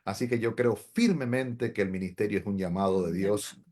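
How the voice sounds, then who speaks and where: Speaking in a lowish, darkish voice at a moderate pace, a middle-aged Dominican pastor tells his story during an interview. His manner is earnest and reflective, in the style of a testimony.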